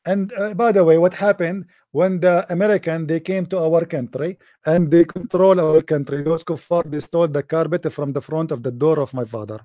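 Man, sarcastic deadpan commentary, high voice, dry close sound. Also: moderate pace, few pauses, dry recording. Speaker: host. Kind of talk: sarcastic commentary over a text.

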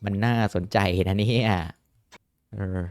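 A young man giving casual gameplay commentary, excitable and swearing often, with frequent exclamations. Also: lowish voice, slow pace, clean tone. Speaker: gaming YouTuber.

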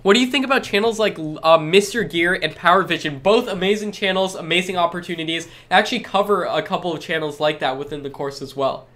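During a live stream from a small room with a lit backdrop, a young man with a stuffed-up cold reads chat questions aloud and answers them with upbeat, repetitive, salesy reassurances. His voice is high-pitched, pushed, and bright, and he talks fast with hardly any pauses.

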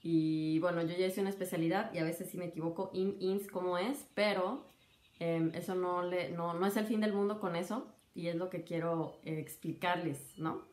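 A woman's voice: fairly low pitch, steady tone, darkish tone, echoey room. Chatty Mexican woman doctor teaching. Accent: Mexican Spanish. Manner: chatty, explains with examples and quick asides. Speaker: doctor teaching medical German. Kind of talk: casual spoken lesson.

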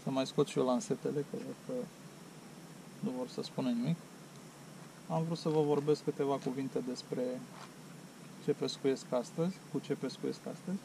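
A middle-aged angler films his fishing session on a windy lakeshore with an action camera on the bank, and loud wind noise fills the outdoor recording. He chats casually in a medium-pitched voice with vocal fry and long pauses, breaking into excited exclamations when he lands fish.

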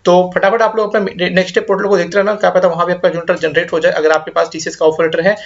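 Reading viewer comments for a casual update, this career guidance YouTuber talks fast in a high, fairly flat voice. His speech blends Hindi and English at speed, stays reassuring, and returns again and again to "ठीक है." The audio has its highs cut off.

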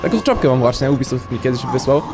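A man's voice: mid-range voice, lively intonation, fast talker, gravelly. A man commentating on his own video game playthrough, making joking, sarcastic asides as he plays. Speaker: let's play host. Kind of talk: gameplay commentary. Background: game music.

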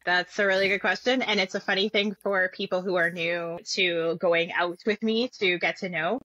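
A woman's voice: fairly low pitch, steady tone, normal speed, sharp tone, no room sound. Thoughtful woman on a dull lo-fi line. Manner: thoughtful, with frequent restarts. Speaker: guest. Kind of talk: conversational interview. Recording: dull lo-fi audio.

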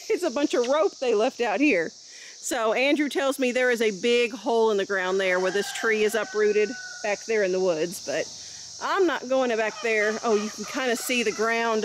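A woman in her thirties with an Ozark accent, chatting cheerfully to a handheld phone camera as she walks around her farm outdoors. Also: a little high. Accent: Ozark American. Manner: chatty, cheerful, talks to camera while walking. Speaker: homestead vlogger. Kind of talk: casual vlog narration while walking. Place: outdoors on a rural farm at sunset. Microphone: phone camera held at arm's length. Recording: clear outdoor noise of crickets. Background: crickets and insects outdoors.

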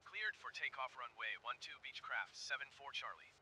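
A man's voice: medium pitch, animated, normal speed, background noise. A man playing a flight simulator, making clipped pilot radio calls into a headset mic. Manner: clipped aviation radio phrasing.

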